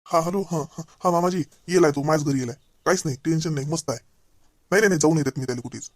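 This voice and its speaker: A man performs a comedy sketch in a high, rapid voice. He talks in an excitable, agitated way, scolding and pleading in quick bursts. The sound is close and dry. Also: no echo.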